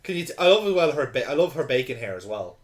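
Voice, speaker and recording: A man's voice: mid-range voice, very animated, quick pace. A man hosting a playthrough with casual gaming commentary. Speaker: host playing a game.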